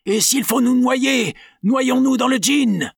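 A man reading aloud voices a crew of panicking male sailors, shouting wildly and dragging out their cries. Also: extremely high pitch, vocal fry, slightly rough, no echo, studio quality, pitched above the performer's own voice, full character voice. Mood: panicked. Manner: wild, drawn-out shouting.

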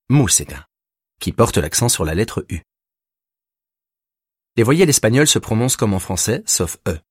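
A man narrating a recorded language lesson, explaining grammar rules with slow, deliberate pauses between words. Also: fairly low pitch, breathy edge, no room sound, clean studio sound. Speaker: language teacher.

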